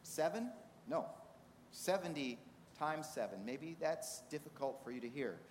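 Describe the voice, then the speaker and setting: A man preaching a sermon in a measured way, asking the congregation rhetorical questions. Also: on the high side, animated, a little hiss or hum. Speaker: pastor. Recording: reverberant hall with faint ambience.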